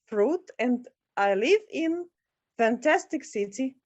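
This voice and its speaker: A woman's voice: high-pitched, lively intonation, takes it slowly, no echo, highs cut off. A woman taking part in an online workshop, giving plain, careful answers. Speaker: workshop participant. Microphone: video call.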